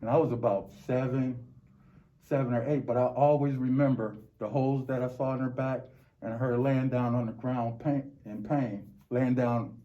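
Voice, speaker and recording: A middle-aged American man from Los Angeles giving reflective, halting interview answers, often repeating words. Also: mid-range voice, fairly even intonation. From Los Angeles, United States. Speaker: interview guest. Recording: dull, muffled lo-fi recording.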